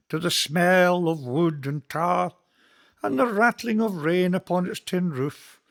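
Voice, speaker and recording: A Scottish actor plays a kindly, earnest Presbyterian minister in a community radio play, delivering his lines in a measured, sermon-like way with a fond mood. His male voice sits high and gravelly, and the performance is heavily acted.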